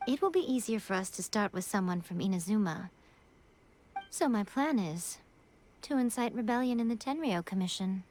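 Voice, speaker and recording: A woman's voice: medium pitch, expressive, noisy background, natural voice. Yae Miko, sly composed shrine priestess, played by a woman. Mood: calm scheming. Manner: teasing, measured, knowing. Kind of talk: video game cutscene voice acting. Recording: music under the voice.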